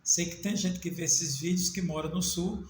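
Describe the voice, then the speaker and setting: A man from Northeast Brazil with a Northeastern Brazilian accent, teaching a Portuguese grammar video lesson and spelling out letters slowly with small self-corrections. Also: high voice, fairly even intonation, echoey room, a little hiss or hum.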